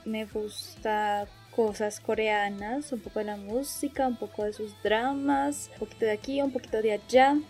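A woman's voice: a little high, steady tone, normal speed, hardly any pauses, a little mellow, faint music behind. A woman from Colombia with a Colombian accent, chatting casually as a podcast co-host. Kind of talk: casual chat.

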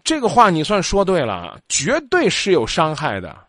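Blunt, animated man host. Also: a little high, normal speed, no room sound, studio quality. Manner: blunt, lively, scolding, acts out quotes. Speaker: radio advice show host. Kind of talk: call-in advice talk.

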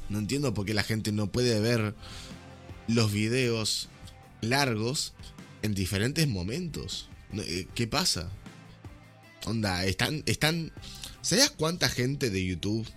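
A man's voice: fairly low pitch, fairly bright tone. A young man with a Rioplatense Spanish accent, ranting animatedly in a casual podcast chat, full of slang. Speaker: podcast host.

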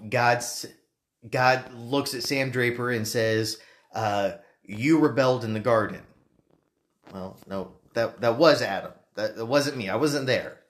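A man co-hosting a podcast, explaining things in a measured way with many fillers and restarts. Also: mid-range voice. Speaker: podcast co-host. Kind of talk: casual podcast discussion.

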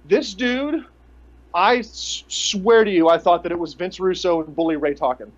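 Higher-voiced man ranting, lo-fi. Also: normal speed. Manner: rambling, profane, sarcastic. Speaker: podcast co-host. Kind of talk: casual rant about pro wrestling. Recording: dull lo-fi podcast audio.

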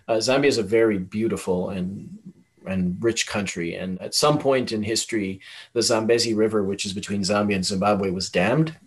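A man's voice: lowish voice, slightly rough. Earnest thoughtful man from Tanzania. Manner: earnest, thoughtful, halting restarts. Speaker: podcast guest. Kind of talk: reflective conversation.

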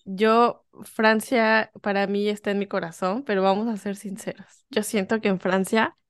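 A woman hosts a relaxed podcast chat, talking freely and circling back as she hunts for the right word. Her voice sits at an ordinary middle pitch. The sound is close and dry, with no room around it. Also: moderate pace, no room sound. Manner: chatty, searching for words with fillers. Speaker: podcast host. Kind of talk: casual conversation.

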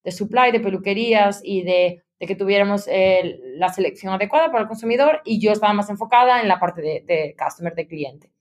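A woman's voice: mid-range voice, brisk. A woman in her thirties from Spain, a guest in a conversational interview, chatty and mixing English business terms into her talk. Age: 30s. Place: London.

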